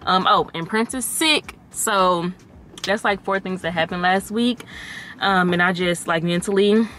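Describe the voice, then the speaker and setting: A woman's voice: fairly low pitch, a little slow, fairly bright tone, a little hiss or hum. A young woman in her twenties with a Southern US accent, vlogging in casual chat with a slight lisp. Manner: chatty, laughs easily.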